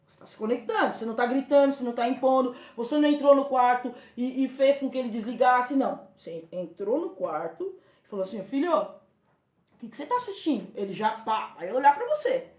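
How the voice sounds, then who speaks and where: A Brazilian woman with a high, very lively voice talks to parents in a live stream. She gives advice and acts out gentle talks with a child. The sound carries a roomy echo. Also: fairly quick. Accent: Brazilian Portuguese. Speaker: parenting channel host.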